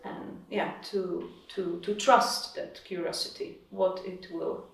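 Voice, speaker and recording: A woman speaks slowly and carefully, searching for each word. Her voice sits a little low. She is picked up from a distance in a strongly echoing room. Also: steady tone, gravelly. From Poland. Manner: measured, searching for words. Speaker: visiting artist. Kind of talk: reflective conversation. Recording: echoey room, distant mic.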